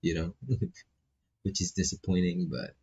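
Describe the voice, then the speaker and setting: A non-native English-speaking man streams a visual novel, reading the game text aloud with casual asides, stumbling over and repeating phrases. His voice sits low and level, measured in pace, with a darkish tone and a breathy edge. The microphone sounds dull and lo-fi.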